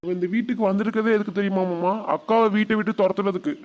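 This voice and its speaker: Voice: mid-range voice, steady tone, quick pace, darkish tone, natural voice. A voice actor playing an eager, loyal young village girl in a cartoon, confiding earnestly. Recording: dull lo-fi sound.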